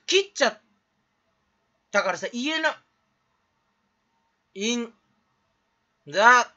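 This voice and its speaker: A teenage man rambles alone to his camera, joking at his own expense and scolding himself between gags. His voice is high and bright, swinging widely in pitch. The camera-mic sound is dull and lo-fi in a small room. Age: teens. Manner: self-mocking, jokey, talks to himself. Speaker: small YouTuber. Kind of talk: rambling solo comedy vlog.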